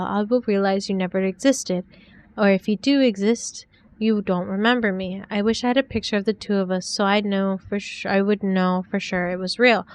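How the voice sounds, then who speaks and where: Speaking in her natural voice, a young adult woman reads out a game's letters from a 1940s girl to a hidden sweetheart. The delivery is soft and sincere, her tone clear and smooth at a middling pitch.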